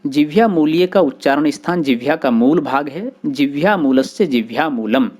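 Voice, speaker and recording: A man teaching grammar, explaining slowly and sounding out letters one by one, with short recited rules between them. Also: fairly high pitch, lively intonation, darkish tone. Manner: slow, deliberate, spelling out sounds one by one. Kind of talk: explanatory lesson.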